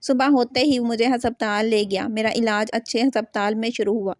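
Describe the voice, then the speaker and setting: A woman storyteller reading a romantic novel aloud at a steady, even pace. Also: fairly high pitch, no echo, studio quality.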